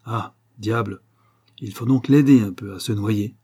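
A man voicing a rough hired thug who answers in short, blunt phrases, with a husky voice. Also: lowish voice, unhurried, warm tone. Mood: gruff, blunt. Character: rough male hired thug, eager, slow on the uptake.

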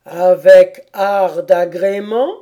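A woman voicing a sad, sobbing female mock turtle with a calf's head in a storybook reading, slow, loud and lamenting. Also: lowish voice, fairly even intonation. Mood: mournful. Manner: slow, mournful and loud, turning indignant.

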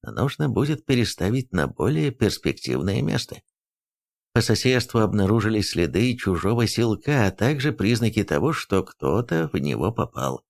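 Male audiobook narrator with lively pitch. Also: vocal fry. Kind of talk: scripted narration.

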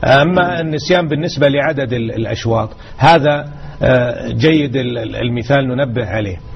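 A man's voice: medium pitch, a little fast, creaky, highs cut off, a little hiss or hum. A man teaching a religious lesson on radio, exhorting his listeners and repeating key words. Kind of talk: explaining a hadith lesson.

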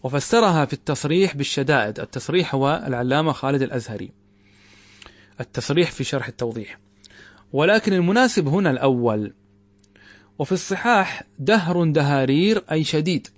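A man's voice: fairly high pitch, lively intonation. Male scholar teaching grammar. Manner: explains with rhetorical questions to students; slow, drawn-out recitation of quoted verses. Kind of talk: grammar lesson commentary.

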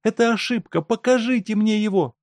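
A man's voice: high voice, fairly quick, no echo, voice pushed up. A man reading aloud and voicing a desperate, tearful wife who pleads with a doctor for her husband. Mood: frantic. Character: desperate grieving wife, middle-aged woman.

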